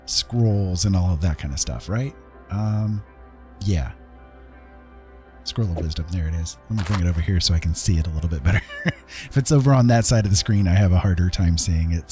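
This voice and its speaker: A middle-aged man with a lowish voice and dark tone streams a game live, commentating casually as he plays. He comes across as friendly and rambling, frequently talking to himself.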